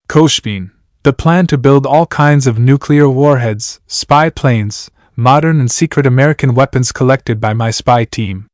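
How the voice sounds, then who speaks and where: A man's voice: medium pitch, dry recording, clean studio sound. A man from Iran narrating his novel aloud, voicing every character in the same plain reading voice and announcing each speaker's name. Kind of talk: flat audiobook narration.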